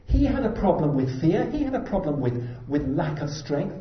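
A man's voice: on the high side, sing-song, normal speed. A man preaching a sermon in an earnest, exhorting way, rising to emphatic peaks. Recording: dull roomy hall recording.

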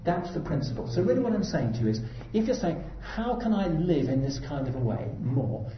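A man's voice: fairly high pitch, very animated, fairly quick, a little hiss or hum. A man preaching a sermon in an earnest, exhorting way, rising to emphatic peaks. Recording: dull roomy hall recording.

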